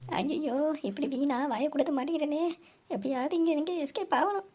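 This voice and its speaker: A woman's voice: sits high, expressive, fairly quick, warm tone. A woman voicing a chatty, easily frightened young village woman in a cartoon, exclaiming in comic dread and later speaking tearfully. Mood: comic fretting. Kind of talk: cartoon voice acting.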